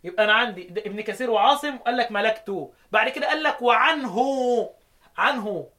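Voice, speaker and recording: His voice sits high and sounds animated, bright, and forceful. With an Egyptian Arabic accent, the man teaches recitation readings, asking and answering his own questions and chanting verses slowly.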